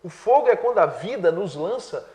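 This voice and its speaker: A man's voice: high voice, sing-song, normal speed, a little mellow, roomy sound, in a large hall. A male teacher explaining exam answers step by step, often checking in with "né?". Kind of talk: exam prep lesson.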